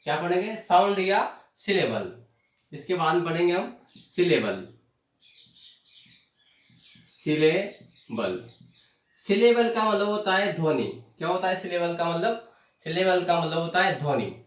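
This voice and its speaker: A man teaching a lesson, explaining terms slowly, repeating them and asking the class questions. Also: sits high, expressive. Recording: echoey room, voice from far off the mic.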